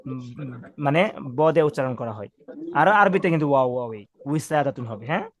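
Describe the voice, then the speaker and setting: A man's voice: medium pitch, expressive, fairly quick. A man teaching Arabic words to a class, patiently correcting pronunciation and leading call-and-response drills.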